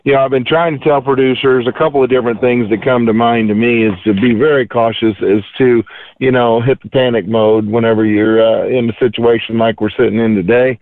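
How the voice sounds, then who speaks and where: Over a tinny, dry phone line, a man with a steady, mid-range voice and a slightly fast pace joins as a market analyst guest. He offers casual market commentary, rambling folksily with plenty of fillers.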